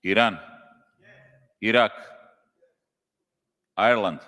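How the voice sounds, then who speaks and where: Reading country names one after another, a deep-voiced man slowly calls the roll at a meeting in a sharp tone. He is a congress official, and his voice echoes with long reverb through a large conference hall.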